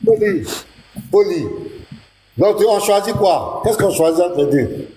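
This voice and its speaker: A man's voice: sits high, animated, a little slow, warm tone, a little hiss or hum. A man, a pastor hosting a live online debate, who insists and repeats his question again and again. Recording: roomy echo.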